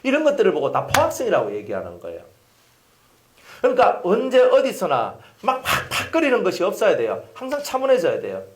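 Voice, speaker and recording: Lively high-voiced pastor preaching. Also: male voice, fairly quick. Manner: animated storytelling, acting out scenes with voices. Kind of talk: sermon. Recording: echoey hall.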